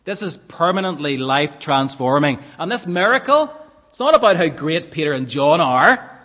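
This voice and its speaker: Man, preacher, sermon, earnest, emphatic, rhetorical questions, slightly high voice, long church reverb. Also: animated, normal speed, sharp tone. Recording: long reverb of a large hall.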